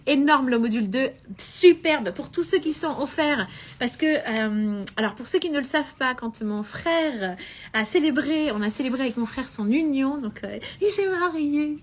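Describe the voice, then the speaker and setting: Lively high-voiced woman coaching on a live stream. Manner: animated, mixes English phrases into French, frequent laughs.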